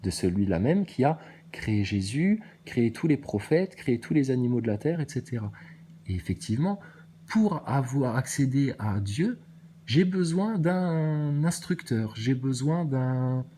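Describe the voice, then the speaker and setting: A man's voice: mid-range voice, lively intonation, measured pace, dark tone, a little hiss or hum. A man giving a ranting monologue to his commenters, combative and preachy with a sarcastic edge. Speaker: video maker answering viewer comments.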